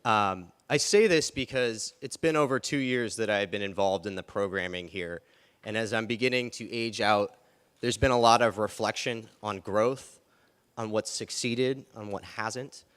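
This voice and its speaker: A man's voice: lowish voice, moderate pace, fairly bright tone, smooth. A young man giving an earnest public speech at a press event, building phrases in a series. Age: young adult. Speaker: youth speaker at a press event.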